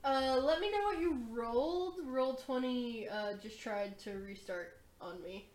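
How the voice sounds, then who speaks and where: A woman game master narrating a tabletop game over an online call, slow and unhurried, with a higher voice. Her talk is full of fillers, and it sounds roomy and echoey.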